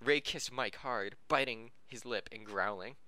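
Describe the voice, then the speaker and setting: An amateur podcast host reads a story aloud, breaking off to laugh, joke and correct his own misreadings. His mid-range voice is a little slow, with a pushed, bright tone.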